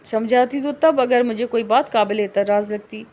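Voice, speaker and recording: A calm, firm middle-aged mother lays down the rules in a matter-of-fact way in a novel audiobook, as a woman reads her lines. The voice sits somewhat high. The delivery stays steady. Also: lightly acted.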